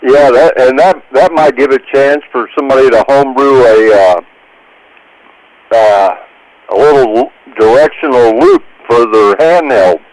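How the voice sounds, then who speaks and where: Unhurried American man on ham radio. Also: mid-range voice, a little mellow, rough recording. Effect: heard over amateur two-meter radio. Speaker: radio net participant. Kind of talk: casual ham radio chat.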